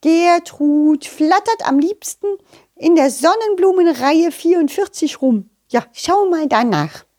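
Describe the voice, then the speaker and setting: Woman putting on a squeaky, giddy storybook butterfly. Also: animated, dark tone, full character voice. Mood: eager. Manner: giddy, repeats words, drawn-out squeals. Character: excitable chatty male butterfly, suddenly very loud.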